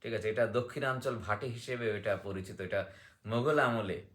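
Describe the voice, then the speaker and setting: Speaking at a moderate pace in a lowish, somewhat bright voice, a male guest explains a book in a teaching manner. He reads excerpts aloud at times and at other times raises questions only to answer them.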